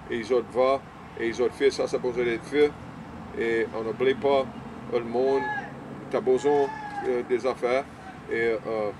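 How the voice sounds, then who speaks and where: An older man from Louisiana with a Cajun French accent, chatting in a halting, repetitive way and mixing in English words. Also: mid-range voice, noisy background. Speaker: small-town mayor being interviewed. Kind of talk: casual conversational interview.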